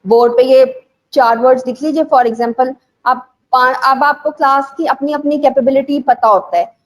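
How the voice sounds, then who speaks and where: A woman's voice: high-pitched, fairly even intonation, moderate pace, poor audio. A woman who runs a school, giving a patient instructional talk to teachers and spelling out examples. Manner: patient, repeats and spells out examples, code-switches into English. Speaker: teacher trainer and school owner.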